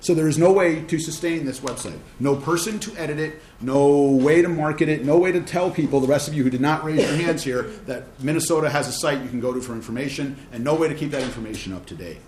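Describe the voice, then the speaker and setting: A man testifying as a county representative before a committee, speaking in a rapid, urgent way with restarts. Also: fairly high pitch, darkish tone, slight background noise. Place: hearing room. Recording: roomy hearing room echo.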